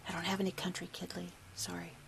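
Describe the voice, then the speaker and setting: Chatty woman with a gravelly edge. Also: fairly low pitch, completely flat delivery, fast, a bit bright, a little hiss or hum. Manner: chatty, laughs easily. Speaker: livestream host. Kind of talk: casual chat.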